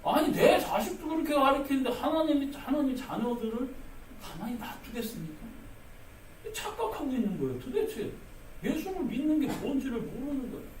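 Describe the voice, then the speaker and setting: Animated pastor preaching in an echoey church. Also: male voice, very high voice, fairly quick, a little hiss or hum. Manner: emphatic, repeats "여러분" often, acts out quoted voices. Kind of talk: sermon. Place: church sanctuary. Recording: echoey sanctuary, mic at a distance.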